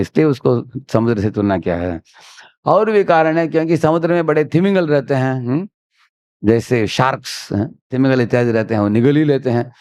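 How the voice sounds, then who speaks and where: Male preacher, mid-pitched, animated storyteller who checks in with his listeners; dry, close recording. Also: no echo. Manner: keeps asking "haan?" to the listeners; animated storyteller, acts out quotes. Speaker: preacher giving a spiritual discourse. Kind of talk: Hindi sermon with a story. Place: temple hall.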